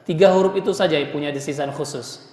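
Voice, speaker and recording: A man's voice: on the high side, fast, darkish tone, echoey room, in a large hall. A man teaching Quran pronunciation, patiently demonstrating letter sounds and chanting short words.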